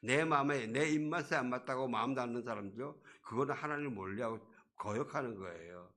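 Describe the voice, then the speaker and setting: A man's voice: medium pitch, brisk, bright, forceful tone. A male pastor preaching a sermon to his congregation in a church, in a conversational way, often asking them questions. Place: church sanctuary.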